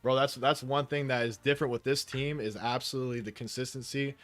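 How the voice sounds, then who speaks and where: A man's voice: mid-range voice, fairly even intonation, fast talker, no room sound. A man hosting a casual podcast interview, speaking in an informal, slangy, enthusiastic way with plenty of swearing. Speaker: podcast host.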